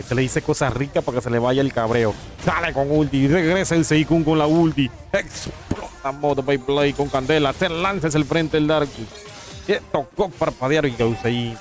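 A man with a Panamanian accent giving live esports commentary, calling plays and teasing the chat between them. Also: mid-range voice. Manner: playful, teasing chat with viewers between play-by-play. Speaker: esports caster.

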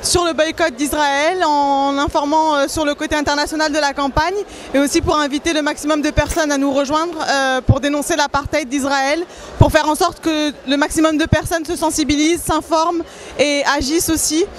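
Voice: high voice, flat delivery, moderate pace, slight background noise. A volunteer explaining a campaign at an exhibition stand, speaking hesitantly with many fillers. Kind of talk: interview statement.

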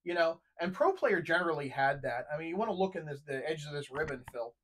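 A man in his thirties with a fairly high voice co-hosts a relaxed chat in a room full of hanging jerseys. He rambles along chattily, doubling back and restarting his sentences. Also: quick pace. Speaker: co-host. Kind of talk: casual podcast chat.

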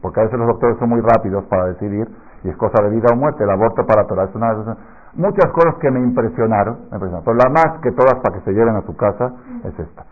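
A middle-aged man preaching a sermon as a rabbi, telling stories and swinging from hushed asides to loud, emphatic peaks. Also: on the low side, fast. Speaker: rabbi giving a Torah talk. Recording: slightly dull lo-fi recording.

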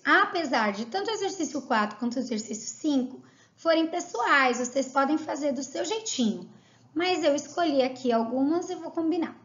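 A woman with a Brazilian Portuguese accent, teaching a recorded lesson and reading words out slowly and clearly. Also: high-pitched, highs cut off. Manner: slow, clearly spelled-out dictation of words.

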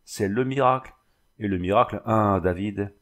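A man's voice: fairly low pitch, lively intonation, moderate pace, a little mellow. A man voicing an irritable middle-aged neurologist who speaks in curt, sardonic grumbles. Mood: grumbling.

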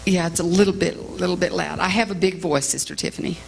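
Before singing at a women's church conference, a fiftyish guest speaker talks casually and self-deprecatingly to the congregation in a big sanctuary, with plenty of ums. Her gravelly voice is fairly low, steady and fast, picked up by a stage mic far from the camera with a little background noise.

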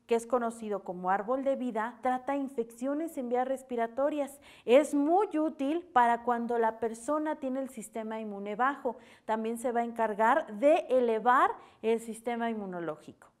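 A woman with a Mexican accent giving a steady, explanatory health talk on the radio as an herbal advisor. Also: fairly high pitch.

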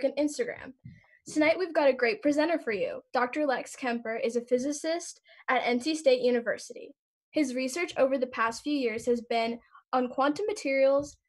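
A teenage girl reading a scripted introduction on a video call from home. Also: sits high. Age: teens. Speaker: event coordinator introducing speaker. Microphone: laptop webcam on video call.

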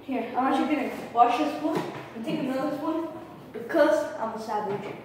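A woman's voice: high-pitched, moderate pace. A young woman filming a messy food challenge video at home, playful and bossy, laughing often. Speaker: vlogger. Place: indoors at home. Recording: echoey room from a distance, noisy.

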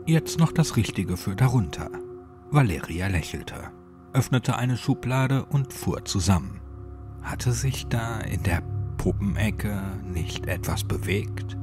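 A man narrating a scripted horror story with lively, expressive delivery. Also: on the low side, slow pace. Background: music.

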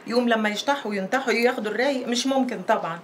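A woman's voice: a little high, very fast, slight background noise, close to an everyday voice. An actress playing a teasing, gossipy neighbor woman with an Egyptian accent in a TV drama. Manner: teasing, loud laughing exclamations. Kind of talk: TV drama acting.

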